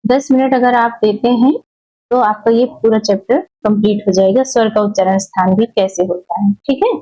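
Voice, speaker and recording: A woman's voice: on the high side, steady tone, normal speed, mellow, poor audio. A woman teaching a Hindi grammar lesson, stopping often to check in with her students and drawing out vowel sounds as examples. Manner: repetitive, checks in with "theek hai" often, drags out vowels as examples. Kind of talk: explanatory classroom lesson.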